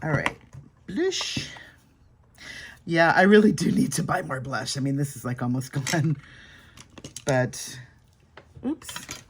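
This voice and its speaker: A woman talks to the camera as she applies her makeup, relaxed and conversational. She laughs easily and drops to soft murmurs for small asides. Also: rumbling low, moderate pace, slight background noise. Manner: chatty, laughs often, soft-spoken asides. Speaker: makeup vlogger. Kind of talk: casual makeup vlog chat.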